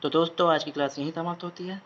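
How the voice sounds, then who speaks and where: A man's voice: fairly high pitch, fairly even intonation, fast talker, fairly bright tone, slight background noise. A man teaching a shorthand lesson, repeating each word several times as he writes it out. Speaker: shorthand instructor. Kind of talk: online lesson. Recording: dull lo-fi recording.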